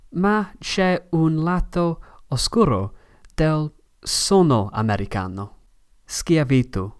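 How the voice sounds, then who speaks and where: English guy hosting a podcast, strong english accent in italian, native english speaker, slow halting scripted read, clear voice. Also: fairly high pitch. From Manchester, England. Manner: halting, learner's phrasing and pronunciation. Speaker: podcast host and historian.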